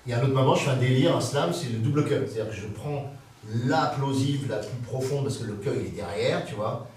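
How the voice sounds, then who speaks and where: A man giving a public talk, explaining with animated energy and sounding out consonants and vowels to show what he means. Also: medium pitch, a little fast, a little hiss or hum. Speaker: guest author. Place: public hall. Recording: very echoey hall from far off.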